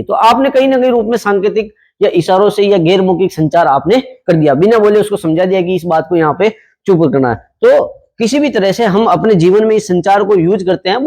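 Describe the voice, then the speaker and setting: A man's voice: high voice, a little mellow. A young man teaching a class, explaining exam topics in a conversational way and asking the students questions that he then answers himself.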